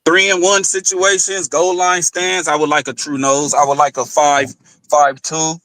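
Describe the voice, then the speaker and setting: A man's voice: on the high side, level tone, normal speed, sharp tone, no room sound. A man co-hosting a casual football livestream, rambling through his points with fillers. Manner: rambling, lots of fillers and restarts. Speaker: co-host, football analyst.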